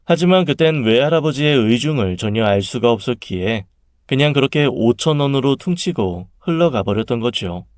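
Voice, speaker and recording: Calm man narrating a confessional story. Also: medium pitch, no room sound, clean studio sound. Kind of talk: first-person story narration.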